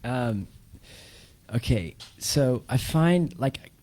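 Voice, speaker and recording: A man from the audience asking a question, hesitating and filling pauses as he searches for words. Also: mid-range voice, lively intonation, warm tone.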